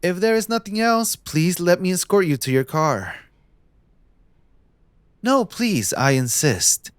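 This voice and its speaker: In a scripted audio roleplay, a man voices a possessive, smug young mafia heir with a theatrical, condescending villain's drawl, slow and deliberate. His voice is high, animated and smooth, and the mood is smooth and condescending. The studio recording is clean, with no echo.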